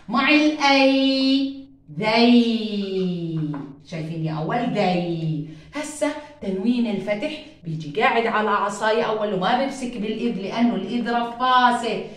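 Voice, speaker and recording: A first-grade teacher with a Jordanian Arabic accent, her voice sitting high as she stretches each letter sound out slowly for children. She speaks in a patient, sing-song way through a phonics lesson. The recording has a roomy echo around her. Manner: slow, drawn-out sounding of letters, sings short chants.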